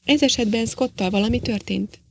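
A woman reading the part of a calm, practical man who reasons through a mystery. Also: fairly high pitch, creaky, slight background noise. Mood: reasoning.

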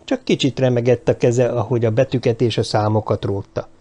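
A male audiobook narrator reads a story at a measured pace in a mid-range voice. His narration is steady and plain. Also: mid-range voice. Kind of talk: scripted narration.

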